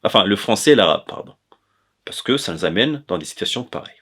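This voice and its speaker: His voice sits on the low side, animated and fast, a bit bright with a breathy edge. The speaker is a Comorian man hosting an educational chronicle on language, explaining informally while hesitating and often correcting himself.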